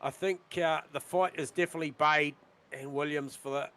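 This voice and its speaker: A man calls a simulated motor race live, running through lap times and position fights. His voice sits a little high for a man, and it climbs with excitement when a pass is made. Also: slight background noise. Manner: rapid lap-time calls, rising excitement at overtakes. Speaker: sim racing commentator.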